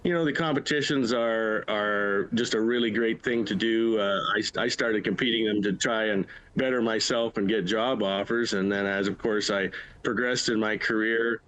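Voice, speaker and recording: Plain-spoken Canadian Prairie man, lowish voice. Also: steady tone, normal speed, hardly any pauses, fairly bright tone, poor audio. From Manitoba, Canada. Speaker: livestock auctioneer, interview guest. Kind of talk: casual interview conversation.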